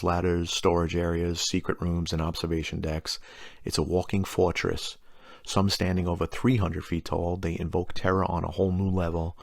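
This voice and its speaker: A middle-aged man hosts a tabletop gaming channel, reading prepared lore for an explainer in a wry, informal way with casual asides. His voice is deep and creaky, recorded with clean, dry studio sound.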